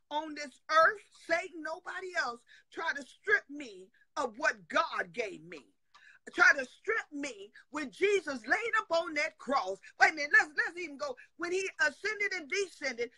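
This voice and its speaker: A middle-aged woman hosts a live prophetic talk stream from an indoor room at home, preaching fiercely with emphatic declarations and call-and-response asides. She's captured on a webcam during a live video call. Her voice is high-pitched, bright, and forceful, with no echo.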